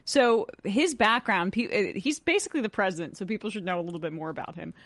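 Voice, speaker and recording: A woman co-hosting, giving animated casual commentary on a video clip. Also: mid-range voice, quick pace, no echo, clean studio sound. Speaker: co-host.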